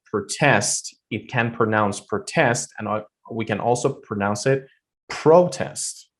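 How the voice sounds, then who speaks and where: A young man teaching English pronunciation, demonstrating stressed syllables with exaggerated emphasis and frequent fillers. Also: lowish voice. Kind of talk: explaining pronunciation lesson.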